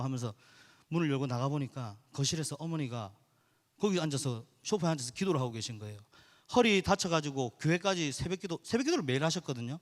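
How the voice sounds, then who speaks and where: A male pastor, telling a personal story in an earnest sermon to his congregation in a church sanctuary. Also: fairly high pitch. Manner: earnest, animated storytelling, addresses the congregation directly. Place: church sanctuary during a midweek service. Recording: reverberant church hall.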